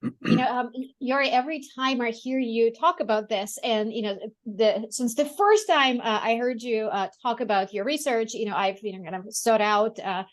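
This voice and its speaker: A woman's voice: a little high, moderate pace. A woman co-hosting a podcast, speaking hesitantly with many you-knows and ums. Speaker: co-host. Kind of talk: casual podcast interview.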